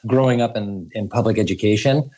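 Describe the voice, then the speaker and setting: Speaking a little fast in a darkish, low-side voice, a man raised in Idaho is interviewed on a podcast. He's a school research director and answers earnestly and thoughtfully, restarting often.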